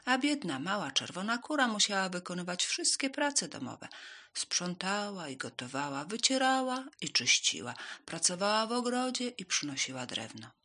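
A woman reads a fairy tale aloud for children, her voice animated and swooping through the story. Her tone is bright, with a breathy softness. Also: mid-range voice, moderate pace.

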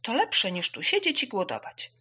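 A woman voicing an eager, forgetful young male hare who talks in a high, hasty, excited way. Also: normal speed, slightly rough, full character voice.

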